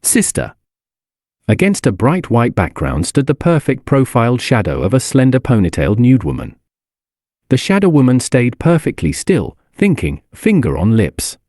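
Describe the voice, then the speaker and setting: A man reading a story aloud as narrator, in an expressive, lively way. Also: mid-range voice, normal speed, dry recording, clean studio sound.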